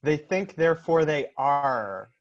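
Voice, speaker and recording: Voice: mid-range voice, lively intonation, measured pace. A speaker telling pirate jokes at a club meeting in an easygoing way, over dull lo-fi video call audio. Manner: easygoing, chuckles at own jokes. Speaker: joke master.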